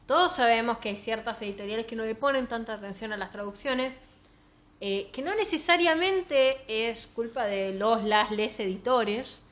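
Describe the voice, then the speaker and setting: A woman's voice: on the high side, normal speed. A woman with a Rioplatense Spanish accent co-hosting a podcast, chatting casually and sarcastically about books. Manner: sarcastic, animated, reads passages aloud mockingly. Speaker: podcast co-host. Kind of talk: casual book-review chat.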